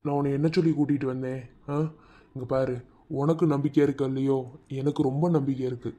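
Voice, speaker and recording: A man's voice: medium pitch, flat delivery, fast talker, dark tone, natural voice. A man voicing an easygoing, joking village husband in a cartoon, speaking with a Madurai Tamil accent in a coaxing, talkative way. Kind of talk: cartoon voice acting.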